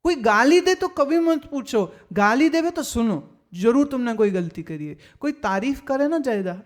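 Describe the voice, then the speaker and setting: A woman spiritual teacher giving a discourse, telling anecdotes in a lively way and acting out what other people said. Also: fairly high pitch, normal speed. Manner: lively storytelling, acts out other people's remarks.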